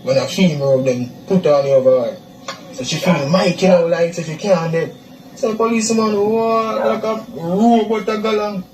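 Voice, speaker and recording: A young man with a Jamaican accent gives a halting eyewitness account, repeating words and slipping into patois. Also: high-pitched, fairly even intonation. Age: young adult. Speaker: eyewitness interviewee. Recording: echoey, distant, noisy outdoor interview.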